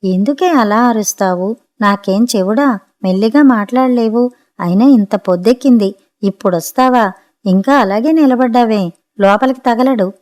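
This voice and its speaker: A woman's voice: a little high, moderate pace, a little mellow, natural voice. A woman voicing an impatient housewife who scolds her maid curtly. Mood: scolding. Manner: scolding, curt. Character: sharp-tongued adult daughter, impatient woman.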